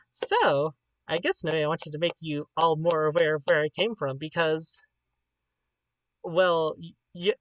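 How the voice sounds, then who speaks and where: Animated woman with a Pittsburgh accent. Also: deep voice, dry recording, lo-fi sound. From Pittsburgh, United States. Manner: animated, informal, rambling. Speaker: livestreamer teaching an informal class. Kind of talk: casual livestream chat.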